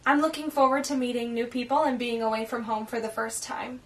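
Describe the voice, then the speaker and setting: A woman's voice: fairly high pitch, steady tone, a little fast. An eighteen-year-old woman from Wisconsin, cheerfully introducing herself. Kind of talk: self-introduction.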